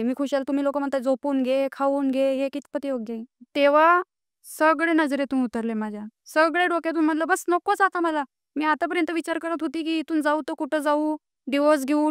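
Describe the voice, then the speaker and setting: Earnest high-voiced young woman. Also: no echo, clean studio sound. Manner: earnest, rising with indignation. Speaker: podcast guest. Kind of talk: emotional personal storytelling.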